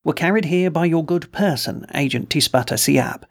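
A man voicing a human ship's doctor who speaks flatly and carefully to an alien official. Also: on the high side, lightly acted. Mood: measured. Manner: flat, measured.

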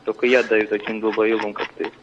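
A man's voice: lowish voice, level tone, brisk. A man working as a debt collector, arguing on the phone in a contemptuous, scornful way and trading insults. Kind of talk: heated phone argument. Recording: dull lo-fi phone audio with crowd noise.

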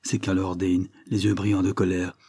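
A man reading an audiobook novel, with measured, even storytelling narration. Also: low voice, slightly rough. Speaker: audiobook reader. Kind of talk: scripted narration.

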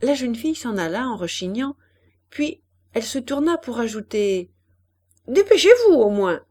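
A woman's voice: a little high, expressive, normal speed, a little mellow. A woman narrating an audiobook expressively, acting out each character. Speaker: audiobook reader.

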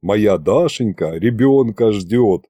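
A man voicing a calm middle-aged male head cook who speaks slowly and softly. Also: lowish voice, dry recording, studio quality. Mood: mild.

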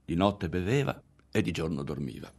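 A man narrating a literary audiobook in a measured, expressive way. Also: deep voice, breathy edge. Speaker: audiobook reader.

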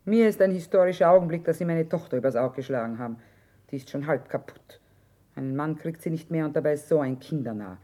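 A woman's voice: low-pitched, fast talker, dark tone. An actress playing a middle-aged, shrewd, blunt mother who trades in wartime, in earthy speech for a radio drama. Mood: bitter. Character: hard-bitten, shrewd, sharp-tongued mother trading in wartime. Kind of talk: German stage-style radio drama acting.

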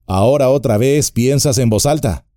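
A man's voice: mid-range voice, moderate pace, warm tone, dry recording, studio quality, voice pushed up, natural voice. A man voicing a grave, earnest male ranger warrior in an audiobook, speaking in a raised, searching tone.

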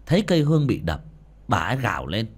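A man's voice: on the low side, fast talker, breathy edge. A man narrating an audiobook story dramatically. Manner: dramatic, expressive.

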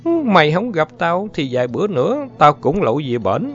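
A man's voice: a little high, very animated, fairly bright tone, voice pushed up. A brash, bossy street girl, voiced by a male narrator fires off coarse questions. The voice sits raised and swings a lot. The recording is muffled and lo-fi, with faint music underneath. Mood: blunt. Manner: coarse, rapid-fire questions.

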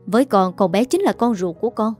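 A woman voicing a stern, calm young father in a read-aloud story, speaking low and measured. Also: soft background music, natural voice. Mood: firm.

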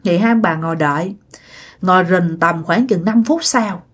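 A woman's voice: fairly low pitch, normal speed, breathy edge. A woman telling a ghost story in a chatty, casual way, speaking straight to her listeners. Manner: chatty, addresses listeners directly.

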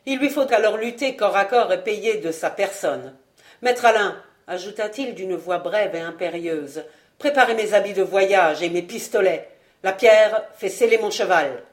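A woman reads as a scheming nobleman, master of an old manor, who speaks slowly and weighs every word. The voice sits lower than the reader's own, and he presses his servants with cold, imperious commands. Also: natural voice. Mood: curt, imperious.

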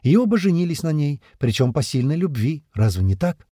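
A man's voice: fairly high pitch, very animated, a little fast, dark tone, no echo, clean studio sound, pitched above the performer's own voice. A man as a somber thoughtful hero. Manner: somber, questioning.

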